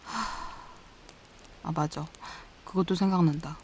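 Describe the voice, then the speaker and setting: A woman in a whispered role-play as an affectionate girlfriend, teasing and giggling softly. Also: on the low side, fairly even intonation, unhurried, a little hiss or hum. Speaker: ASMR role-play performer.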